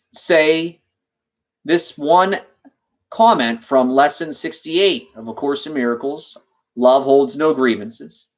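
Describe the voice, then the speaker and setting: A man at medium pitch talks listeners through a guided meditation, measured and instructional, his sentences split by pauses into short phrases.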